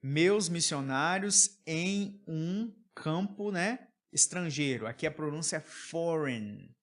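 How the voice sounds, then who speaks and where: A man with a Brazilian accent, speaking in a slightly higher register, works through song lyrics as an English teacher. He explains patiently and keeps checking in with short questions. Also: expressive, slow, a bit bright. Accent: Brazilian Portuguese.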